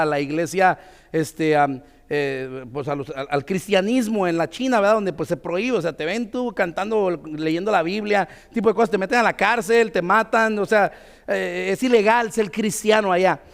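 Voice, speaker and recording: A man's voice: sits high, a little fast, big-room sound. A man pastor preaching a sermon in a church, conversational, full of fillers and tag questions. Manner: tells a story with many "dice" quotes.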